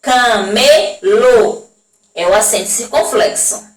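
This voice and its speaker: Brazilian woman teacher, high voice. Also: lively intonation, fairly bright tone. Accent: Brazilian Portuguese. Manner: slow, drawn-out pronunciation of example words; frequent checking tags to the class. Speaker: primary school teacher. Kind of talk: recorded classroom lesson for young children. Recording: echoey room, voice from a distance.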